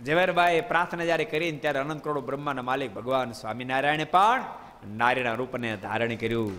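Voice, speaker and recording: A man's voice: medium pitch, quick pace. Man, storytelling sermon, quizzes listeners, long echo in a big hall. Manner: lively, questions the audience, playful asides. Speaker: preacher.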